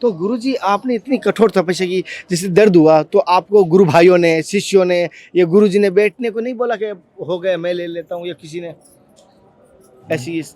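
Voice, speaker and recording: A man's voice: high-pitched, normal speed, darkish tone, no echo. A man hosting a devotional vlog who talks fervently and repeats himself while addressing his viewers as friends and questioning an ascetic. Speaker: devotional vlogger and interviewer. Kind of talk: earnest devotional vlog commentary.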